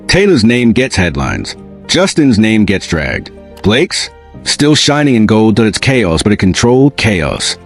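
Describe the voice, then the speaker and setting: A man reading scripted commentary in short, clipped phrases that build suspense, speaking straight to his viewers. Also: lowish voice. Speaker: commentary narrator. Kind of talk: scripted dramatic narration.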